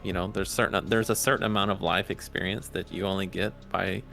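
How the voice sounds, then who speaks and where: Low, gravelly-voiced man, halting. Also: fairly even intonation, sharp tone, soft background music. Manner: halting, earnest, many restarts. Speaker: interview guest, streamer. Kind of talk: casual interview chat.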